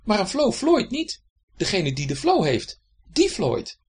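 The narrator voicing a tiny, cheerful flea in a children's storybook, in a squeaky, chirpy, teasing voice. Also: huge pitch swings, measured pace, a little mellow, husky, heavily acted.

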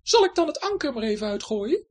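A woman voicing a calm, teasing young woman who is obsessed with cleaning, in a storybook reading. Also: high voice, brisk, voice pushed up. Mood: sly. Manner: cool, teasing.

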